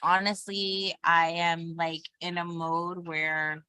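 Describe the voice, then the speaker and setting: A woman's voice: fairly low pitch, little pitch movement, pushed and bright, smooth, no echo. A woman in her thirties from Brooklyn and Miami, a stand-up comedian chatting candidly as a podcast guest. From Brooklyn and Miami, USA. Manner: candid, self-mocking, quick to laugh. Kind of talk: casual chat.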